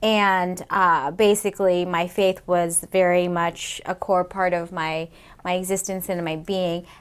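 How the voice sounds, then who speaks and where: Clear and resonant, with a fairly low pitch, a flat delivery, and an unhurried pace, this late-thirties comedian from Seattle, Washington, USA chats casually as an interview guest. She rambles, filling her talk with many "like"s and "you know"s.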